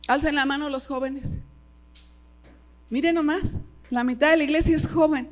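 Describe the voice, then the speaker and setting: A woman's voice: high voice, steady tone, moderate pace. A middle-aged woman with a Mexican Spanish accent preaching a sermon in church, emphatic and constantly calling her listeners brother.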